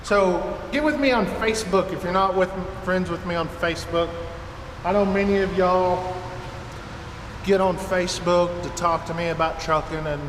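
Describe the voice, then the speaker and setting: A high-pitched man speaking at normal speed, this American trucker in his thirties vlogs casually to camera in a rambling, folksy way. He's inside an empty truck trailer with the door open, where the metal echoes and background noise comes through clearly.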